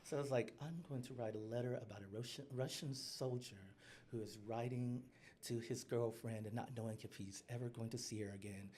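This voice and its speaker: A man's voice: medium pitch, fairly quick, warm tone, a little hiss or hum. A man guesting on a podcast, talking candidly in casual chat, often laughing and acting out quotes.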